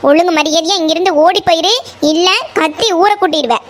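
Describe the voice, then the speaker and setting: A shrill, very high-pitched cartoon village girl voiced by a woman with a Coimbatore Tamil accent. She is quick to anger and rattles off insults, and her voice sits far above an ordinary speaking voice. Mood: furious. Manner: scolding, hurls insults. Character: sharp-tongued young village girl, hot-tempered. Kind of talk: cartoon voice acting.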